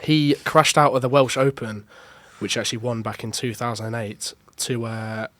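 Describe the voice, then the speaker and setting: A young man on a podcast, telling a story in a chatty, self-amused way. His voice is mid-pitched and heard dry and close. He keeps the tone casual throughout. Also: steady tone, moderate pace, fairly bright tone, no room sound. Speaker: podcast co-host.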